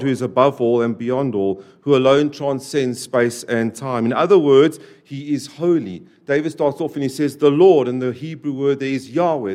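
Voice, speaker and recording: Emphatic male preacher delivering a sermon. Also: mid-range voice. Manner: emphatic, repeats key phrases, swings between loud stresses and quiet drops. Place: church service.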